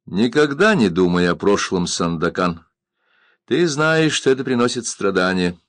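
A man's voice: on the low side, expressive, moderate pace, dry recording, close to an everyday voice. A man reading aloud and voicing a steadfast, loyal male comrade who speaks firmly and reassuringly. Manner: firm, reassuring.

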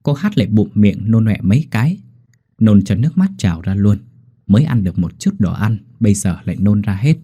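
Guy reading a story, low husky voice, really expressive. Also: brisk. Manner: animated, expressive. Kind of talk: scripted story narration.

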